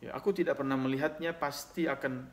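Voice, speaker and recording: A man's voice: medium pitch, fairly even intonation, fast. A man giving a religious lesson, reciting Arabic hadith text and then explaining it at length, often adding "ya" between phrases. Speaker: Islamic teacher.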